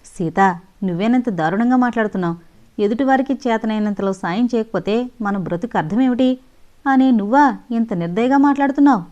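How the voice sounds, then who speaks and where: A woman's voice: mid-range voice, a little fast, a little mellow, lo-fi sound, natural voice. A woman voicing a compassionate young woman who talks in an earnest, pleading way, in an audio novel. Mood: earnest, indignant.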